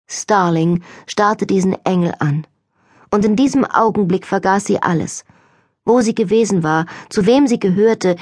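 A woman with a medium-pitched voice narrates an audiobook in a calm, measured storytelling style. The recording is studio quality with no echo.

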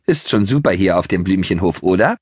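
A man voicing a squeaky, playful young male pony who whoops and squeals, in a children's audiobook. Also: expressive, brisk, breathy edge, no room sound, clean studio sound.

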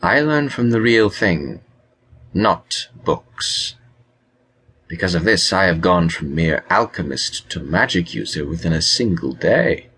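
A man voicing a calm, scholarly male wizard with a rich voice, courteous and flattering. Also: deep voice, slow, breathy edge, exaggerated voice. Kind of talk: audiobook character reading.

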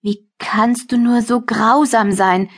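A woman's voice: a little high, fairly even intonation, takes it slowly. A woman voicing a weak, frightened young woman held captive, pleading in a trembling voice, in an audiobook. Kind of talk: audiobook character voice.

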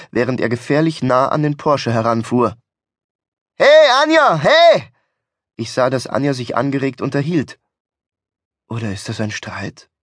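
Man, first-person audiobook narration, wry comic delivery, mid pitch, dead-dry studio. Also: no room sound.

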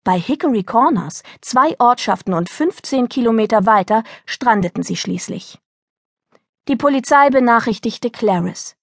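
A woman narrating a children's book in a lively storytelling manner, recorded close to a studio mic. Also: a little high, moderate pace, no echo. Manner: lively storytelling, voicing characters. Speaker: audiobook narrator.

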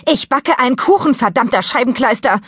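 An exasperated, hot-tempered pregnant mother, as a woman narrator puts her on, her voice jumping high and loud in a storybook reading. She snaps and rants with a lively, swinging pitch, in a dry recording. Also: a little fast, husky, no echo, full character voice. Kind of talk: audiobook character voice.

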